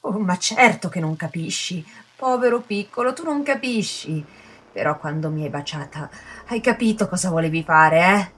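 A woman voicing an unhinged young woman in a horror story, shrill and mocking, swinging from sweet to cruel. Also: slow, husky.

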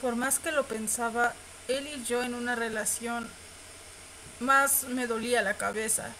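A woman reads through a romance visual novel, her voice sitting a little high. She stays expressive the whole way, squealing and laughing at the sweet moments. A faint noise hums under the recording. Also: unhurried, low-quality recording. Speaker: streamer reading a visual novel aloud. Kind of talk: reading game text aloud with live reactions.

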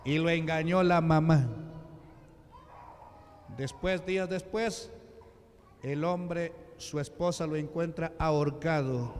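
High-voiced Peruvian man preaching in a hall. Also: steady tone, a little mellow, slight background noise. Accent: Peruvian Spanish. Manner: slow, emphatic, rhetorical questions, drops to low voice. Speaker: deacon preaching. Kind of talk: sermon. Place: church sanctuary. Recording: reverberant church hall.

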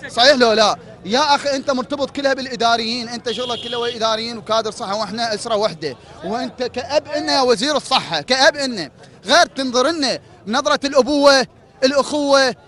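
A man's voice: very high-pitched, fast, a bit bright, a faint crowd. A man with an Iraqi accent speaking outdoors at a street protest, pleading and repeating rhetorical questions as a hospital administrative worker. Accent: Iraqi Arabic. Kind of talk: impassioned street protest speech.

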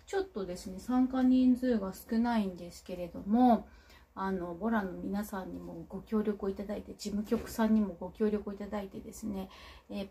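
A woman's voice: medium pitch, a little mellow, breathy edge. A woman with a Kagoshima accent, a local politician hosting a casual livestream, who reads out viewer comments in a chatty, self-teasing way. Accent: Kagoshima Japanese. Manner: chatty, self-teasing, laughs between remarks.

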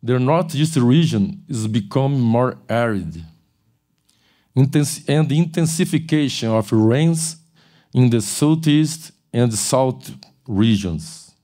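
A man's voice: medium pitch, animated, warm tone. An older man giving a keynote lecture in a large auditorium at a podium mic, often restarting and correcting himself. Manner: halting, with frequent restarts and self-corrections. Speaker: keynote speaker. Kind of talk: conference lecture. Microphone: podium microphone.

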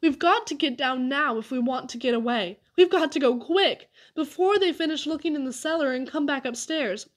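A woman's voice: on the high side, animated, a little slow, few pauses, a little mellow. A woman reading aloud, voicing a nervous, cautious young boy who talks weakly and hesitantly. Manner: weak, hesitant.

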